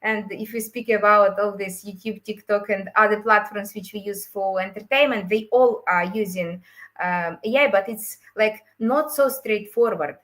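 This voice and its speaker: Her voice sits at a medium pitch, moves at a normal speed, and has a fairly bright quality. She is a course creator giving a webinar talk, a native speaker of Ukrainian and Russian who hesitates often, with many fillers and restarts.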